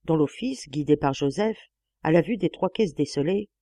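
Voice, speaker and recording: A woman narrating a classic novel as an audiobook, with a measured, expressive reading on a close mic. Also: low voice, no room sound. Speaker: audiobook reader.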